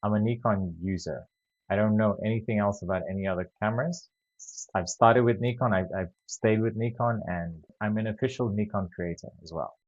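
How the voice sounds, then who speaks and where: Low-voiced man giving measured answers. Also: darkish tone, no room sound, highs cut off. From Zambia. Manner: measured, explanatory, some repeated starts. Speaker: wildlife photographer guest. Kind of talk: casual interview answers.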